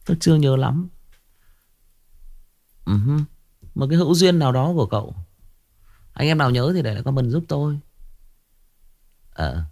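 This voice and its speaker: A man narrating a story in a lively, expressive way, then chatting casually to listeners with many fillers. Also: medium pitch, fairly quick, pauses often, no room sound.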